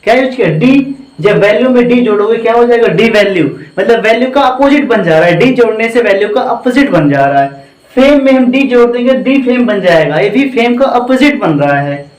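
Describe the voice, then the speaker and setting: High-voiced man teaching English grammar. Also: lively intonation, moderate pace, reverberant, low-quality recording. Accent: Indian English. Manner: repeats and quizzes the class with questions. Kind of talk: classroom lecture.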